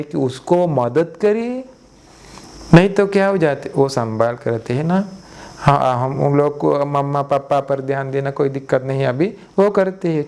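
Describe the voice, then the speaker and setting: A man's voice: on the high side, clear, resonant tone. A man from Sri Lanka, a Buddhist monk giving a sermon in simple, Hindi and repeating his phrases for emphasis.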